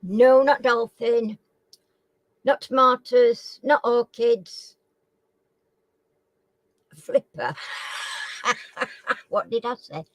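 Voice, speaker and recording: Hosting a live chat quiz, a woman reads out and repeats questions in a casual way, her articulation slightly slurred and toothless. She speaks slowly in a fairly high voice; the audio is poor but has no echo.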